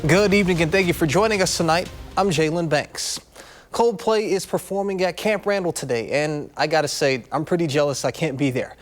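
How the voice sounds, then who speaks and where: A man's voice: fairly high pitch, fairly quick, soft background music. A man anchoring an evening TV newscast from a studio, upbeat, with casual asides. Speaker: news anchor. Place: TV news studio.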